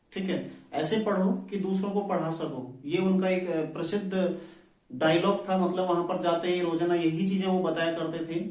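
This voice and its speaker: A man's voice: high voice, a little mellow. A man teaching an exam coaching class, repeating each term and checking in with his students often. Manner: repeats terms, says "ठीक है" and "ध्यान रखिएगा" often. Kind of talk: classroom lecture. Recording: echoey room, far from the mic.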